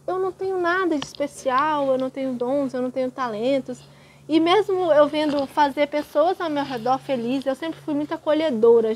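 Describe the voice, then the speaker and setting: A young woman tells her personal testimony in a vlog, hesitant, pausing and restarting her sentences. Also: high-pitched. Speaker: vlogger sharing testimony.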